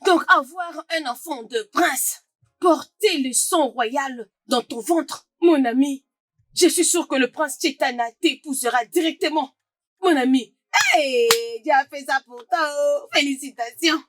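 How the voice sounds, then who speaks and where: A woman's voice: high-pitched, measured pace, fairly bright tone, no echo. A woman dubbing a sly, meddling young friend who talks in a teasing, mocking way. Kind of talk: dubbed film acting.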